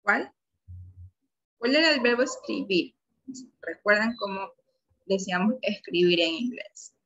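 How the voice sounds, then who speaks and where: An Ecuadorian Spanish-accented woman teaches an English grammar class, talking slowly and patiently and drawing out her example sentences. Her medium-pitched voice is expressive and fairly bright, though the recording sounds muffled.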